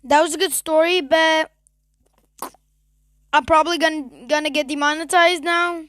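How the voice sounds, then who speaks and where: A woman's voice: high voice, steady tone, normal speed, a bit bright, no room sound, clean studio sound. A woman hosting a reaction video, chatting casually and apologetically between stories. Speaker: host.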